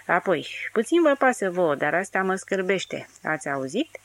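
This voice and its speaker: A woman's voice: on the low side, very animated, dry recording. A woman voicing a drunk, crude, hysterical young woman with coarse, mocking outbursts. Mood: shrill, crude.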